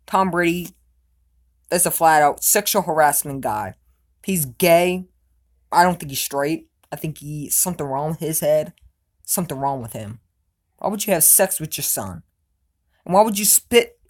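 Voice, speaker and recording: With lively intonation, a moderate pace and long pauses, a woman vlogger answers viewer questions in an opinionated sports rant. She speaks with emphasis, repeatedly asks "you know what I'm saying," and veers between loud outbursts and low mutters.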